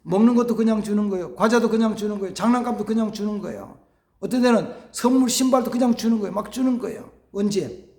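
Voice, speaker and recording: A man preaching a sermon as pastor, animated, acting out family dialogues and dropping to near-whispers for emphasis. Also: high voice, fast talker, roomy sound. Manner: animated, acts out family dialogues in shifting voices. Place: church sanctuary.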